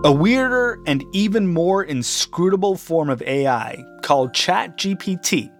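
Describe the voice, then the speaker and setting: High-voiced male podcast host over music. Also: animated, measured pace. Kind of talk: scripted narration and ad reads.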